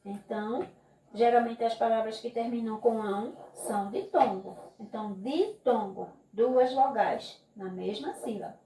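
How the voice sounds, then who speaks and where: A woman teacher with a Brazilian Portuguese accent, giving a recorded lesson and explaining slowly and patiently, often checking in with "ok?". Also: a little high, dark tone. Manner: slow, patient, drawn-out classroom explaining with frequent "ok?" checks. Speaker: primary school teacher. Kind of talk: recorded remote class lesson. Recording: echoey room, mic at a distance.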